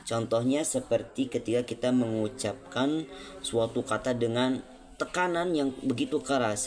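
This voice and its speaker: A young man from Indonesia, a student presenting a lesson, explaining step by step and repeating example phrases slowly. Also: medium pitch. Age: young adult. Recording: music playing clearly behind.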